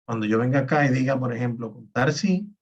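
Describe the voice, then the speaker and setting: A man's voice: medium pitch, fairly even intonation, rapid-fire, far from the mic, lo-fi sound. A male teacher giving an online class, explaining patiently step by step. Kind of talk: online class lecture on spreadsheets.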